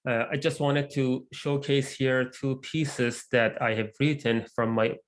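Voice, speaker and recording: Leading a research lab, a man who immigrated to Canada and isn't a native English speaker gives an online presentation over a video call. His mid-range voice stays level and measured, though he uses frequent fillers and restarts, picked up by a computer mic.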